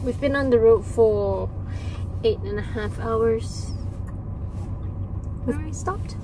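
A woman's voice: fairly high pitch, takes it slowly, noisy background. A woman in her thirties hosting a playful road-trip vlog from inside a car, filming on a phone held at arm's length. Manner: playful, bubbly, teasing. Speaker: vlogger host. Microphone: phone camera at arm's length.

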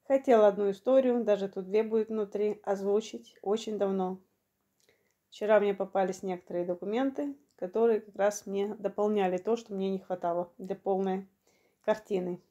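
A woman around fifty from Ukraine, telling a long personal story in a vlog, unhurried and matter-of-fact, slightly short of breath. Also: medium pitch, steady tone, dark tone, muffled recording. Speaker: vlogger.

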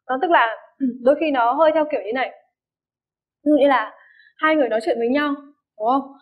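A woman English teacher explains vocabulary, giving many examples and often checking that her students follow. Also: high-pitched. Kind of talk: vocabulary lesson. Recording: dull lo-fi recording.

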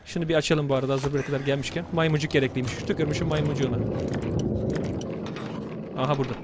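A man's voice: on the high side, steady tone, very fast, background noise. A young man commentating a horror game let's play, muttering to himself and cursing at the game. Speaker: gamer.

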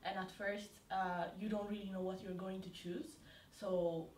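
A young woman from Ethiopia, a master's student, answering interview questions in a measured, plain way. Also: mid-range voice, little pitch movement, darkish tone. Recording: roomy, from a distance, faint hiss.

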